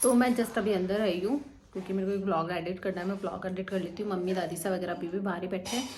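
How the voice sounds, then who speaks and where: A young woman narrating her day in a casual home vlog, chatty and rambling with quick asides, recorded on a handheld phone in a village house. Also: medium pitch, fairly even intonation, darkish tone, slight background noise. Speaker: vlogger.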